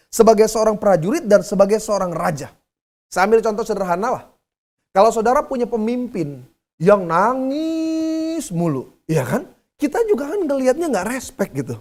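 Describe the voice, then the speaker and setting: A woman's voice: fairly high pitch, mellow. A woman pastor preaching a sermon. She moves between reading scripture and casual, humorous asides, and laughs along with her own everyday examples.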